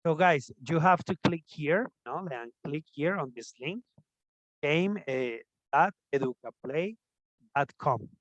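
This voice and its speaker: Guy teaching english verbs, talks slow, dry dull lo-fi sound. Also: a little high, animated, fairly bright tone, no echo. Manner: explains step by step, checks in with "¿listo?" and "¿ok?"; drills English forms slowly, then glosses them in Spanish. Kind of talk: bilingual grammar lesson.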